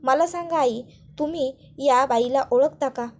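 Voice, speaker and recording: A woman voicing an earnest young man who questions calmly and reassures. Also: sits high, measured pace. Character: calm, earnest young man, son-in-law.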